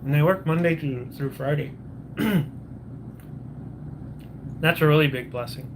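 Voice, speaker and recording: A man's voice: fairly high pitch, a little slow, background noise. A man hosting a casual morning livestream, sipping coffee, greeting viewers and rambling, often losing his train of thought and restarting. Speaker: livestream host.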